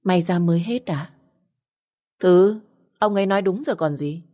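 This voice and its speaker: A woman's voice: on the low side, moderate pace, dark tone, natural voice. A woman voicing a stern, bossy but caring older relative who scolds and insists. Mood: scolding.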